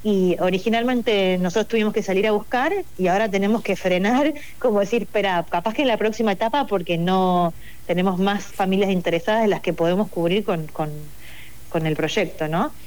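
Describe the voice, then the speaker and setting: In an interview, a project coordinator from Buenos Aires, Argentina describes her project, speaking with a Buenos Aires Spanish accent. She talks briskly in a mid-range, slightly mellow voice, yet hesitates often, with plenty of fillers and restarts.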